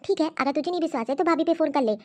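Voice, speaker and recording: A woman voicing a scheming, bossy young sister-in-law in an animated cartoon story, coaxing and ordering others about. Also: high-pitched, rapid-fire, natural voice.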